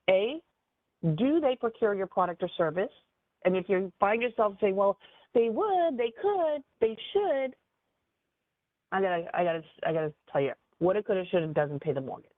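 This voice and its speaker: A woman's voice: mid-range voice, normal speed, dry recording. Woman advisor doing a webinar, chatty with lots of ums, sounds thin like a phone call. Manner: animated, conversational, lots of fillers. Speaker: business advisor giving a training. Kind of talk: webinar presentation. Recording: tinny phone-like dry audio.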